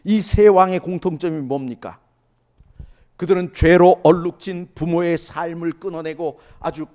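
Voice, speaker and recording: Male pastor with a slightly high voice, preaching a sermon that moves between loud emphasis and quiet asides while he quizzes the congregation. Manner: asks the congregation questions and answers them himself; swings from loud emphatic lines to hushed asides.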